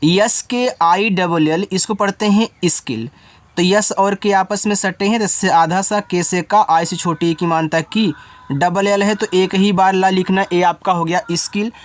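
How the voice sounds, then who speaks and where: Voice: medium pitch, fairly even intonation, normal speed. Teacher patiently spelling out English words. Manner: spells words letter by letter, then explains meaning; talks directly to the learner, informal. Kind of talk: step-by-step spelling lesson.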